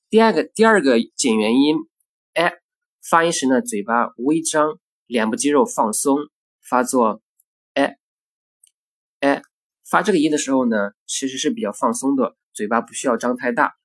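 A man's voice: mid-range voice, normal speed. A man teaching a pronunciation lesson, explaining mouth positions step by step and saying each example word twice.

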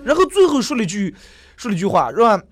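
High, lively-voiced male radio host. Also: fast talker, faint music behind. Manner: chatty storyteller who acts out the people he quotes. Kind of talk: casual radio talk monologue.

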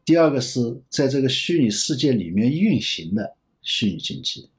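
思路绕来绕去的男嘉宾. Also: male voice, mid-range voice, very animated, moderate pace. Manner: rambling, repeats phrases while reasoning aloud. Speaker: banking expert guest. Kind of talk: thoughtful interview answers.

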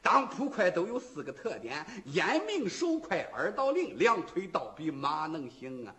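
A man's voice: on the high side, wildly swooping pitch, unhurried, fairly bright tone. Man telling a rhythmic rhymed story. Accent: Shandong. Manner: rhythmic rhymed patter, dramatic. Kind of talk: Shandong kuaishu rhythmic storytelling.

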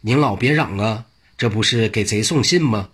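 Man voicing anxious male official, deferential, worried, low, husky. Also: normal speed, a bit bright.

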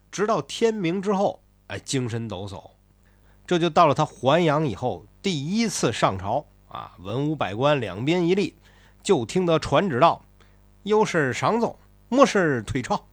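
A man's voice: mid-range voice, dry recording. A man retelling a classic tale in a chatty, colloquial storytelling style with asides to the listener.

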